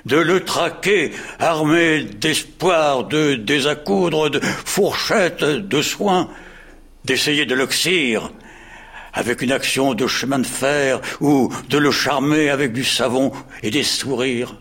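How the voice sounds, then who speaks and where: Radio play: bossy bell-ringing captain, slow, emphatic, declaiming. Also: male voice, mid-range voice, expressive, fairly bright tone, slightly rough, full character voice. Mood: rousing. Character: blustering ship captain with a bell, impatient. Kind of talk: French radio drama.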